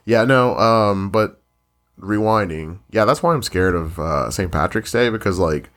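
A man's voice: fairly low pitch, measured pace. A young man co-hosting a podcast, chatting casually and joking, with lots of fillers. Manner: joking, filler-heavy, lively. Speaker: podcast co-host. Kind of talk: casual chat.

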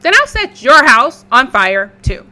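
A woman voicing a greedy, boastful wolf who makes loud, menacing demands. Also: high-pitched, very animated, measured pace, full character voice.

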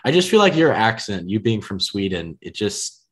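Very animated at a moderate pace, this American podcast host speaks on the low side with a rural, country-flavored accent. He keeps the casual chat easygoing and repeats words often as he goes.

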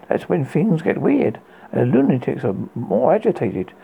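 A man in the manner of a horror host voicing a skeptical, teasing young male student in a horror story, speaking haltingly. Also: fairly high pitch, wildly swooping pitch, vocal fry, breathy edge, narrow, tinny audio, voice pushed down, exaggerated voice. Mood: joking.

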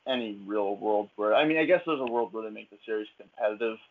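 A man's voice: on the low side, fast talker. A man co-hosting a casual sports podcast, laid-back and filling his talk with frequent uh's. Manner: laid-back, lots of uh fillers. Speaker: podcast co-host. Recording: tinny phone-like line.

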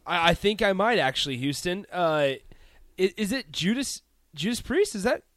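A man's voice: high voice, big pitch swings, moderate pace, fairly bright tone, no echo, studio quality. A man co-hosting a radio show, bantering playfully, often laughing and hesitating. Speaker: radio co-host.

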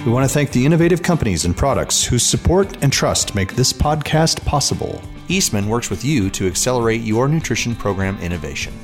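Male announcer, bouncy sing-song promo read, quiet guitar music behind. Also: medium pitch, big pitch swings, brisk, few pauses. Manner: upbeat, polished. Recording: soft guitar music underneath.

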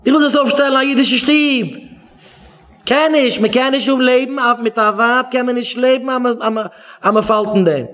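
A man, a rabbi giving an animated talk to yeshiva students, acting out little dialogues and mixing in English words. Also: very high voice, moderate pace.

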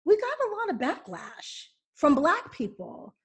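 A high-voiced woman from Pittsburgh hosting a podcast. She chats casually and tells her stories with a lot of expression, and her voice lifts when she acts out what someone said. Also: wildly swooping pitch, unhurried. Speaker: podcast host. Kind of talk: casual interview chat.

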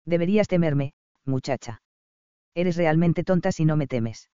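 A man voicing a fierce medieval highland warrior in an audiobook, stern and commanding, speaking low and measured. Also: warm tone, clean tone, no room sound, dull audio, lightly acted. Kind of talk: audiobook character reading.

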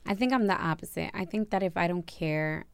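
A woman's voice: lowish voice, brisk, vocal fry, clean tone, no echo. A young woman co-hosting a podcast, talking candidly and bluntly in casual chat, often laughing. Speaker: podcast co-host.

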